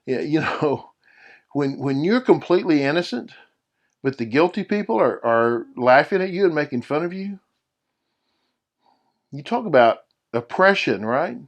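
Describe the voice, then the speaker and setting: A man's voice: on the high side, animated, measured pace, pauses often. A middle-aged man teaching a Bible study lesson in a conversational way, often checking in with his listeners.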